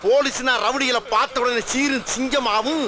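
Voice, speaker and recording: An actor playing a boastful, bumbling middle-aged head constable in a film comedy, talking pompously and turning sentimental. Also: male voice, very high-pitched, steady tone, moderate pace, background noise. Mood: indignant. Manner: pompous, self-important, sentimental. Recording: film soundtrack with music.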